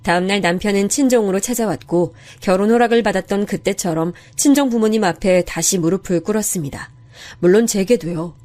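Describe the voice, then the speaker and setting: A woman's voice: mid-range voice, fairly quick. Woman narrating a family story. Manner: soft, steady first-person storytelling.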